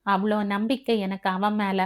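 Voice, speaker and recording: A woman reading as a young elder sister who talks bluntly and defiantly, pleading her case in an audiobook. The voice rises higher when she protests. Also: flat delivery, moderate pace, close to an everyday voice. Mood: teasing. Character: frank, wounded young woman, older sister.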